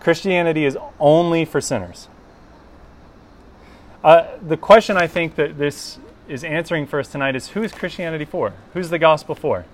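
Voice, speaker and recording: A man preaching a sermon in a relaxed, conversational, self-deprecating way. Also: on the high side, a little fast, hardly any pauses. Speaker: pastor.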